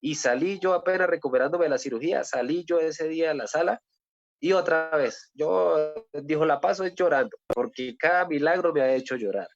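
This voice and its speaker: A man's voice: a little high, fairly quick, dry recording, highs cut off, soft background music. Earnest Colombian man giving a testimony. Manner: earnest, with repeated rhetorical "¿sí?" and restarts. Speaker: testimony speaker.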